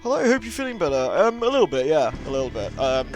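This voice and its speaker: A British man hosts a casual livestream, his fairly high voice swinging widely in pitch as he talks at a quick pace. Chatty and friendly, with some mild swearing, he addresses viewers one at a time, and moody music is clearly audible behind him.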